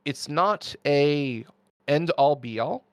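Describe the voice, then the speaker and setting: A man's voice: fairly high pitch, expressive, extremely slow, clear, resonant tone, dry recording. A man as a podcast guest, giving chatty, detailed explanations of painting technique with jokes and asides.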